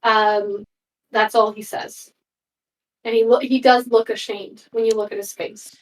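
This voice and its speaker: A woman's voice: on the high side, unhurried. Woman game master, a bit distant. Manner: relaxed, with fillers. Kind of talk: narrating a tabletop game.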